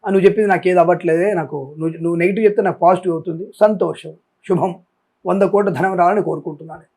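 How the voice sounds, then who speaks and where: A bantering skeptical viewer shrugging off bad news, as a man puts him on. The voice sits high and runs quick, with a dismissive, teasing edge. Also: steady tone, darkish tone. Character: skeptical male viewer brushing off a warning.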